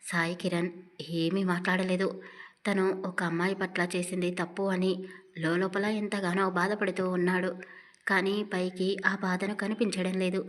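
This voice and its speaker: A woman's voice: lowish voice, flat delivery, normal speed. A woman narrating a romantic audio story in an emotive, dramatic way. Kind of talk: scripted narration.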